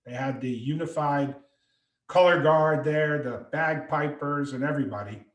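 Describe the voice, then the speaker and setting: A man's voice: a little high, moderate pace. A middle-aged man telling a story over a video call, acting out the voices of the people in it. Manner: animated storyteller, acts out quoted voices. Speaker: author and speaker. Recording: echoey room on a call.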